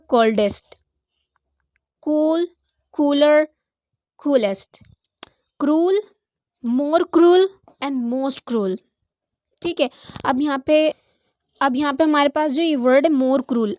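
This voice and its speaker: Woman grammar teacher, high voice, dry close sound, Hindi-Urdu with English terms. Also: a little mellow, dry recording, rough recording. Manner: explains in Hindi-Urdu mixed with English, says "theek hai" often. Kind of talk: online grammar lesson.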